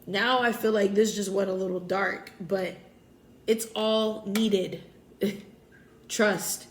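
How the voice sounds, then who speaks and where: A woman with a slightly stuffy nose talks through a tarot reading in a loose, rambling way, circling back and correcting herself as she goes. Her voice sits at an ordinary middle pitch. The room around her gives the sound a noticeable echo. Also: slow pace, a little hiss or hum. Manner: relaxed, rambling, self-correcting. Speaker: tarot reader.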